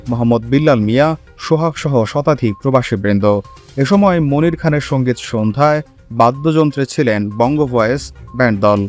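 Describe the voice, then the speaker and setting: A man reading scripted news narration in formal report style. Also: medium pitch. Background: music.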